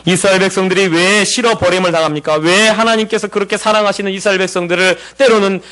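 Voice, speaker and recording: A male pastor preaching a sermon, mixing scripture with homey stories about his family and acting out quoted dialogue in a softer voice. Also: sits high, steady tone, fast talker.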